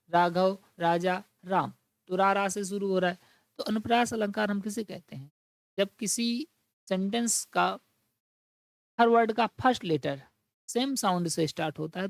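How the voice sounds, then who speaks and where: A woman teaches an exam-prep vocabulary lesson. She explains patiently, keeps asking rhetorical questions and reads English definitions slowly, word by word. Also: medium pitch, no room sound.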